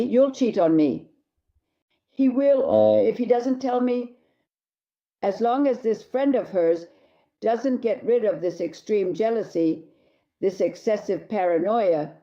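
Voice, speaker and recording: A woman's voice: mid-range voice, warm tone, dull audio. Blunt woman therapist giving advice. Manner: blunt, emphatic advice with direct address. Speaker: marriage therapist. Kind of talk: answering viewer questions.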